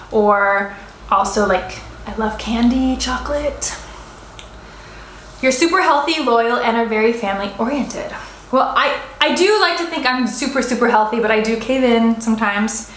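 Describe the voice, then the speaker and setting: The audio is poor and reverberant as this American woman in her twenties talks through her restaurant mukbang vlog, responding to what viewers assume about her. She sounds on the high side and fairly bright, rambling along with many fillers and restarts.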